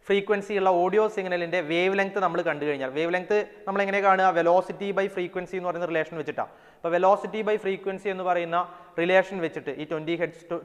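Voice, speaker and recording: Man teaching in a long echo. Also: high voice. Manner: explains step by step, reads English definitions out slowly; mixes English terms into his talk, checks with "alle?". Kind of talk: lecture to students.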